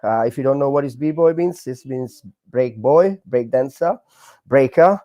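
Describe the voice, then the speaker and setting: A man in his forties from Hungary with a Hungarian accent, telling his story in a casual interview with many fillers and halting non-native grammar. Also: mid-range voice, warm tone, no room sound, lo-fi sound. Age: 40s. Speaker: guest, breakdancer.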